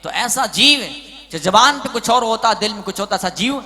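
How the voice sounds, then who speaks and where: A man preaching a sermon as a monk, telling stories with big swings between loud and hushed. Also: high-pitched, animated, moderate pace. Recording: hall reverb.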